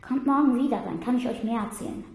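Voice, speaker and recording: A woman's voice: a little high, quick pace, a little mellow, close to an everyday voice. A woman voicing a curious old man who studies secret scripts, murmuring in an echoey room.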